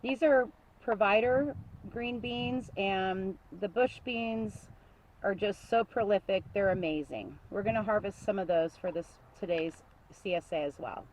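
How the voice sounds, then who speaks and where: A woman's voice: medium pitch, measured pace, darkish tone, a little hiss or hum, rough recording. A woman on a casual show-and-tell tour of her vegetable garden, chatty and enthusiastic, often laughing. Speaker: small farmer giving a garden tour.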